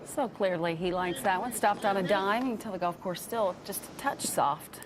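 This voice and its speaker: A woman's voice: mid-range voice, normal speed, noisy background. A woman hosting a live golf broadcast with concise, orderly commentary. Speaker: lead golf commentator and host.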